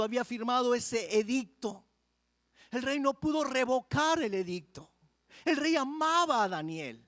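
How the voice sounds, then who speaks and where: A male pastor preaching a sermon, asking the congregation direct questions and reading scripture slowly and deliberately, with words slipping into his Spanish. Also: very high voice, fairly bright tone, no room sound. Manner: mixes Portuguese words into Spanish.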